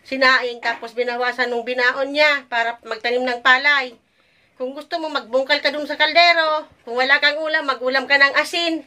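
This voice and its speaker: Woman acting a kvetching, high-voiced, exasperated village mother. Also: steady tone, normal speed, sharp tone. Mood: scolding, nagging. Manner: kvetching, nagging in long repetitive complaints. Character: exasperated, overworked poor village mother, scolding and complaining. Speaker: actor in an amateur short film. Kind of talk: naturalistic family drama acting.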